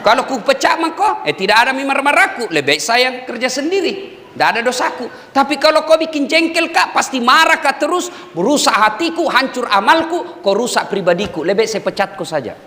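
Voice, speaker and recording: A man preaching a humorous sermon to prison inmates with a Makassar Indonesian accent, swinging between loud emphasis and low asides as he acts out little dialogues. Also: sing-song, a little fast. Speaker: Islamic preacher. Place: prison hall. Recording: hall reverb.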